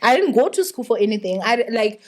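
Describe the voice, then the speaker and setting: A young woman from South Africa tells her stories in a relaxed interview chat. Her voice sits fairly high and she stays animated, laughing often as she goes. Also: a little fast. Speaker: interview guest. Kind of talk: casual interview conversation.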